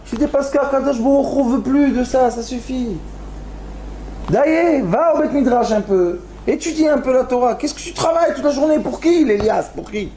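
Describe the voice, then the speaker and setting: A man's voice: extremely high pitch, dark tone, a little hiss or hum. A man giving a Torah lesson as a rabbi, telling stories and acting out pleading cries, with Hebrew words mixed into his talk. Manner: storytelling, acts out pleas with rising cries. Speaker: rabbi teaching a Torah class. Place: lecture hall.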